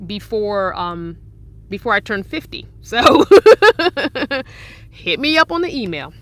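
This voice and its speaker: A bright, clear-toned woman in her forties chats away on a casual live stream from inside her parked van. She is upbeat and easygoing and breaks into laughter often as she answers viewers. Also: mid-range voice. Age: 40s. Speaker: van-life vlogger reading live chat.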